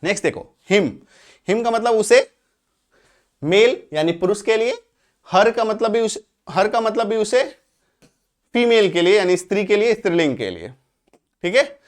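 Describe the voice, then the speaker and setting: Man teaching English words, high voice, patient and repetitive, says examples slowly. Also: expressive. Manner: explanatory, repeats phrases, checks with "clear hai?". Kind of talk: Hindi-medium vocabulary lesson.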